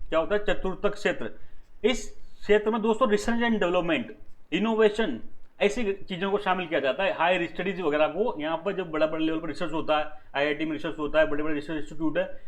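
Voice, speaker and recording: A man teaching an economics class in a slightly high voice. He poses questions to his listeners and answers them himself, and he repeats the key terms. He mixes English words into his explanations. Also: poor audio. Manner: addresses listeners as "dosto". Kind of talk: lecture.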